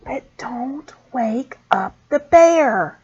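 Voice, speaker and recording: A gentle, cautious hare who keeps her voice hushed and careful, as a woman reads her in a storybook. The delivery is high and slow, and the sound is dull and lo-fi. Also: animated, breathy edge, heavily acted.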